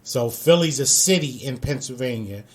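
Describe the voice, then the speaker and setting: A man's voice: medium pitch, lively intonation, moderate pace. A man with a New York accent hosting a radio show, joking and bantering casually with his guest. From Brooklyn, New York. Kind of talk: casual radio interview chat.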